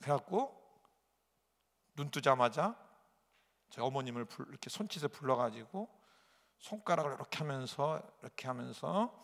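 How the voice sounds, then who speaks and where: A male pastor preaching a sermon, telling a personal story dramatically with sudden loud outbursts and repetition. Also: medium pitch, animated, moderate pace, creaky, long pauses. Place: large church sanctuary. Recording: echoey church hall.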